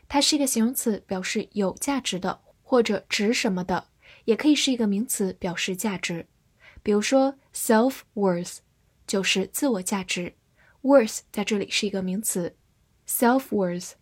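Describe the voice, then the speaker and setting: A woman giving a scripted vocabulary lesson, spelling out words letter by letter and reading example sentences slowly and carefully. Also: mid-range voice, breathy edge. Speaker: English teacher.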